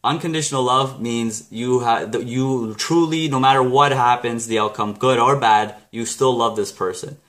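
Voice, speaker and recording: A man's voice: medium pitch, moderate pace, few pauses, fairly bright tone. A Canadian man explaining a self-help book chapter in a casual vlog, rambling and correcting himself as he goes. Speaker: book review vlogger.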